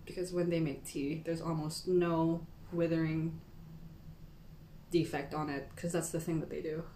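Sitting at a table in a small indoor room, a young adult tea taster muses through tasting notes like a sommelier during a casual live stream. She has a low, warm voice, a level tone and a slightly slow pace, and the recording is echoey with some background noise.

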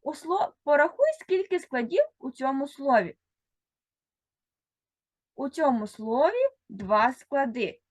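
A woman teacher leads a reading lesson for first graders, sounding words out one by one at an unhurried pace. Her voice sits fairly high and swings up and down a great deal as she addresses a single child and waits for replies. The sound is dry and close. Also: very animated, dry recording. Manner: speaks directly to one child, pausing for answers. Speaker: primary school teacher.

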